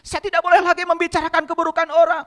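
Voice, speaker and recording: This spiritual teacher's very high, sharp voice moves at a racing pace with a completely flat delivery. He has a light tinge and presses the congregation with rhetorical questions during his sermon, captured with long hall reverb.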